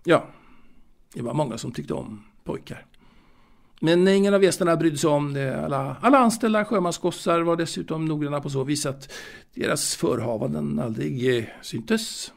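A male actor voices a wistful, bookish, secretive man looking back on his youth in an audio drama monologue that is halting and confiding. His voice is creaky and a little high, and he speaks hesitantly, stumbling and repeating words.

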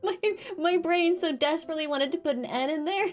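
A woman's voice: sits high, brisk, faint music behind. A woman livestreamer chatting casually and animatedly while playing a game, often giggly and sweary. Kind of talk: casual gaming livestream chat.

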